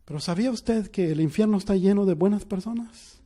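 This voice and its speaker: Man, pastor, high voice, sermon, hushed to loud emphatic preaching. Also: fairly quick.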